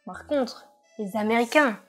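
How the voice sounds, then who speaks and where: A woman's voice: on the high side, measured pace, a bit bright, faint music behind. A young woman from France telling travel stories to camera in a casual, chatty way, with frequent hesitations and wry asides. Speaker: vlogger.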